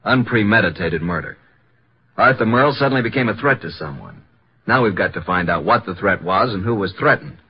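Old radio show, earnest brash detective sidekick, kinda low and rough voiced. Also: male voice, lively intonation, a little fast, full character voice. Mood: earnest, probing. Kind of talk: 1950s radio detective drama acting. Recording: dull old radio recording.

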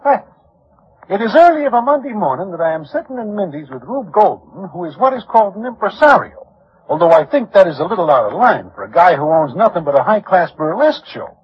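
Lively, high-voiced New storyteller. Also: male voice, husky, exaggerated voice. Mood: wry storytelling. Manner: formal slangy diction, deliberate. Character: wry Broadway guy telling tales of gamblers and showfolk. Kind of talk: 1940s radio acting, first-person narration. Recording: dull old radio recording.

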